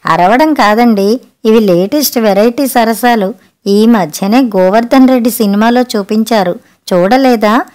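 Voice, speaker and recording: A woman's voice: on the high side, measured pace, darkish tone, lightly acted. A woman voicing an impatient grumbling husband. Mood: demanding. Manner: demanding, grumbling. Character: husband craving special food, impatient.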